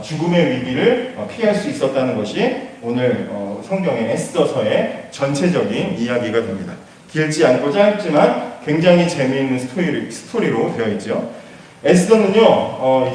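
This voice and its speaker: Animated man preaching in an echoey room. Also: on the high side, far from the mic. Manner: animated retelling that acts out the characters' lines. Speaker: pastor. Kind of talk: storytelling sermon.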